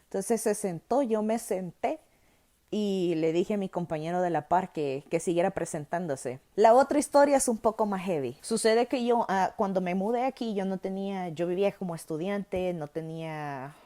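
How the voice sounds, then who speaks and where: Salvadoran woman telling a story, mellow tone. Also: mid-range voice, moderate pace. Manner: animated, lively retelling with self-corrections. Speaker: podcast host. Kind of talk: personal storytelling.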